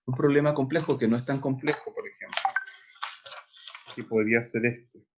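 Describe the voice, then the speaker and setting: This recorded neuropsychology lecture features a middle-aged man speaking at normal speed in a medium pitch, though the audio is dull and has background noise. He keeps things conversational, hesitating often as he walks through examples.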